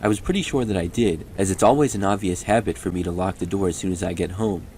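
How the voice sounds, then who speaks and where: A man reading first-person horror stories as a steady, measured scripted narration. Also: deep voice, a little hiss or hum.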